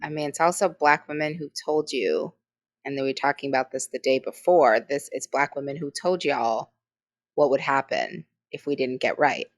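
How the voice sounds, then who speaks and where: A woman's voice: extremely low pitch, normal speed. A woman co-hosting a podcast in casual chat, emphatic, with frequent restarts and asides. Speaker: podcast co-host.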